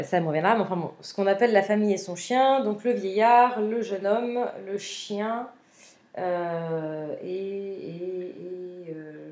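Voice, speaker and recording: A woman teaching a remote Latin lesson, reading Latin phrases slowly and glossing them word by word, with frequent hesitant fillers. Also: mid-range voice, a little mellow. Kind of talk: remote lesson, explaining a translation.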